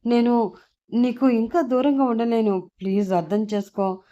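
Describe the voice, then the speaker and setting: A woman's voice: on the high side, fairly even intonation, a little slow, dark tone, dull audio, pitched above the performer's own voice, lightly acted. Woman doing a sobbing, begging young woman. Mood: tearful pleading. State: crying.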